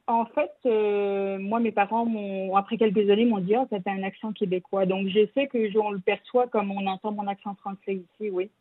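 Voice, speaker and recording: Radio caller: woman with a French accent, hesitant and halting, husky voice over a tinny phone line. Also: medium pitch, fairly even intonation, dry recording. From France. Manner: hesitant, many fillers and restarts. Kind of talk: radio call-in chat.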